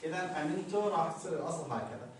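A man's voice: a little high, expressive, very fast. A male teacher explaining a grammar lesson step by step, repeating words as he points at the text. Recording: echoey room, distant mic, faint noise.

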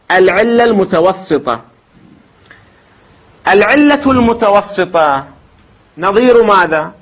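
A man teaching a formal lecture, explaining step by step, putting questions to his listeners and correcting himself as he goes. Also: high-pitched. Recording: dull lo-fi recording.

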